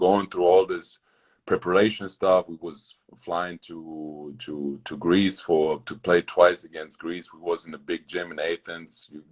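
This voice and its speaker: Deep-voiced young man in broken English. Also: fairly even intonation. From Germany. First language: German. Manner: speaks fast in broken English, loose grammar. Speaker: basketball player guest. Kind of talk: casual interview storytelling.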